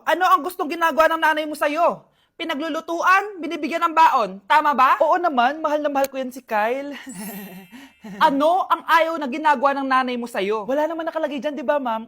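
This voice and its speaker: A young woman performing comedy skits, playing every part herself, often yelling and laughing as she switches characters. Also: high-pitched, brisk. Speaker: comedy skit creator.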